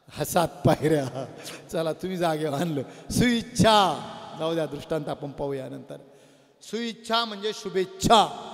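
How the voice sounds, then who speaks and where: A man giving a devotional sermon before an audience, telling parables in a lively way and asking his listeners questions. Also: on the high side. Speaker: religious discourse speaker. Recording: long hall reverb.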